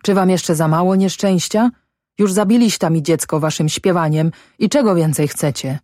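A distraught peasant father speaks low and muffled, torn between pleading and blame, as a woman reads him. His voice sits a little above the reader's usual pitch and sounds close and dry. He is an audiobook character. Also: moderate pace, dark tone, dry recording, natural voice. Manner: muffled, pleading then accusing.

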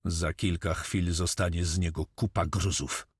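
A pirate captain gives terse orders in a low, steady voice that brooks no argument, as a male narrator does him. The dry, close reading makes him sound calm and in control. It is an adventure audiobook character. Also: a little slow, slightly rough, dry recording, exaggerated voice. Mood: commanding. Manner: commanding, terse.

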